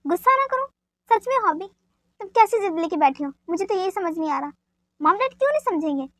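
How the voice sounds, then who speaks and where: A woman voicing an anxious, caring young woman who is quick to anger, with a pleading, emotional manner, in a fan dub drama. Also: very high-pitched, sing-song, no room sound. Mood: upset.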